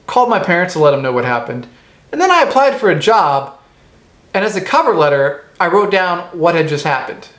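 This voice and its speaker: Man, angry comic movie rant, swears constantly, fairly high voice, roomy echo. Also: fairly bright tone. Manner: angry, profane ranting. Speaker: movie reviewer. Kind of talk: comedic ranting movie review.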